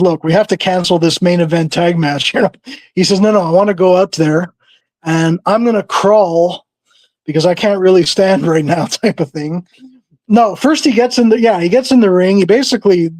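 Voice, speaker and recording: A man with a higher than usual voice tells a rambling story on a podcast, jumping into quick impressions of the people in it and laughing along the way. The recording is dry and close, with no room sound. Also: dry recording, poor audio. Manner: animated storyteller who acts out quoted people, laughs often. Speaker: podcast co-host. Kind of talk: casual storytelling chat.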